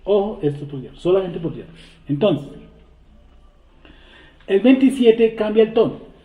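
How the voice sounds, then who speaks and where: A man's voice: sits high, expressive, moderate pace, mellow. A man leading a scripture study class. He reads verses aloud and keeps asking the group rhetorical questions. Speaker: Torah study teacher. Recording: tinny, echoey phone-like recording.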